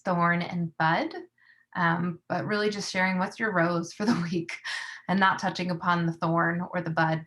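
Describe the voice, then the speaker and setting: A woman's voice: fairly low pitch, a bit bright. A woman sharing thoughts in a group discussion over a video call, thoughtful and full of fillers. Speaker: workshop participant.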